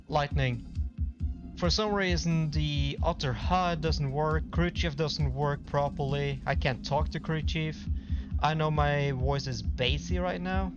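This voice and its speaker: A man streaming live, talking to himself in exasperation while fixing his setup, his voice coming through a bassy, boomy mic. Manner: exasperated, swearing, talks to himself. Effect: bassy, boomy mic sound. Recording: muffled stream audio with loud music behind.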